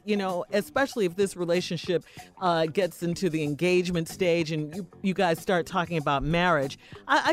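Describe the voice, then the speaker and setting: A woman co-hosting a relationship advice talk segment, giving calm, reassuring counsel. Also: lowish voice. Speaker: radio show co-host reading listener letters.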